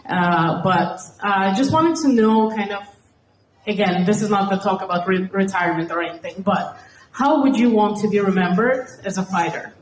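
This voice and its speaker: A woman's voice: medium pitch, moderate pace. A woman reporter asks admiring, wordy and hesitant questions in a casual way at a press conference. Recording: echoey room, distant mic, faint noise.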